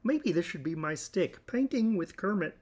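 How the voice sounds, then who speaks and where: Kermit, a man doing a squeaky frog puppet. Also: animated, moderate pace, darkish tone. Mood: chirpy. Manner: high nasal wobbly impression.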